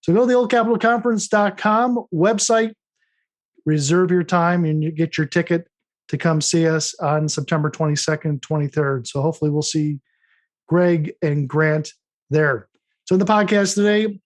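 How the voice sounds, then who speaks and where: A man's voice: on the high side, unhurried. A man hosting a podcast, introducing guests and asking questions in a conversational way. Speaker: podcast host.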